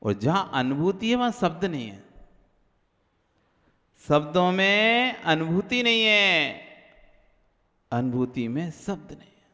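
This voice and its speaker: Male monk preacher, high-pitched, slow and deliberate, sermon style, long echoing hall. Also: very animated, bright, forceful tone. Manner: chants scripture verses slowly, then explains with questions to the audience; acts out everyday quoted remarks in a lower voice.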